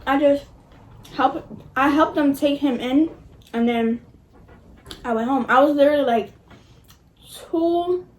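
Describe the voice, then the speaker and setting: A young woman telling a casual storytime in an animated, emphatic, slangy way, swearing freely. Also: high voice, measured pace, long pauses, poor audio. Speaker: vlogger. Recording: noticeable background noise.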